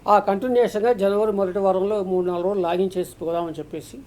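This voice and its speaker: A man's voice: sits high, steady tone, quick pace, dark tone. A man arguing his point as a political commentator on a televised debate, emphatic and argumentative, stopping now and then to tell a parable. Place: TV news studio or remote link.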